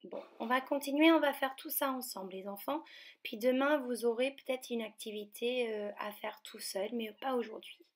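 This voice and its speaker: A woman teacher from France giving a remote lesson to young children, speaking slowly and carefully and stretching out each word. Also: fairly high pitch. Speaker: primary school teacher.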